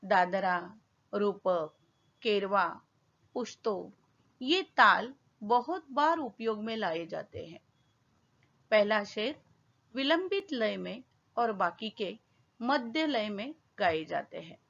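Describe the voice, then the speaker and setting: A woman teacher slowly explaining a poem in a school lesson, asking her pupils questions as she goes. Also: mid-range voice, lively intonation, gravelly, a bit bright. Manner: slow, patient classroom explaining with questions to pupils. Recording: dull lo-fi recording.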